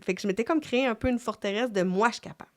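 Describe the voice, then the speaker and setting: A woman's voice: a little high, quick pace. A middle-aged woman with a Québécois French accent, hosting a casual faith chat in a reflective way, with many fillers and restarts. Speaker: podcast host.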